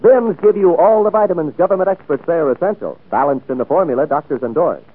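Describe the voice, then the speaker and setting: A man reading a 1940s radio commercial as a brisk, emphatic sales pitch, heard as an old radio broadcast. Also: animated, breathy edge, narrow, tinny audio. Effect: old radio broadcast sound. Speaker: commercial announcer.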